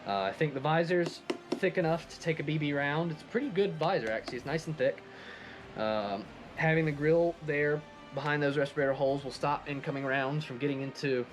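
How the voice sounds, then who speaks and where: A man with a fairly high voice talks enthusiastically and conversationally through a hobby craft project. Like a casual vlogger showing off his work in a project recap, he speaks with music playing faintly in the background.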